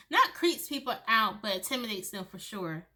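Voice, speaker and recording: A woman's voice: on the high side, sing-song, a little slow, pushed and bright. A woman giving a loose, chatty tarot reading, swearing freely and laughing between thoughts. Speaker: tarot reader. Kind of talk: casual tarot reading monologue.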